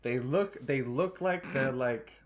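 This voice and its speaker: A man's voice: medium pitch, takes it slowly, crowd noise. A young man co-hosting a casual podcast, chatty and teasing, often restarting his phrases. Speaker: podcast co-host.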